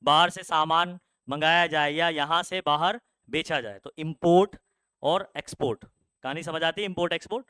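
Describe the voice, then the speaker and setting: A young male teacher talks casually to his class about career options, using plenty of fillers and often asking whether students are following. His voice is slightly high, moderately paced, pushed and bright, and smooth. There's no room sound.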